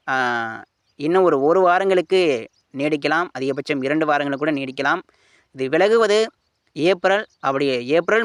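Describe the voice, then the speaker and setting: Fairly high dry-voiced forecaster man. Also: fairly bright tone, clean tone, dry recording. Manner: colloquial Tamil, repeats "you see" tag often. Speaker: weather forecaster. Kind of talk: unscripted weather forecast talk.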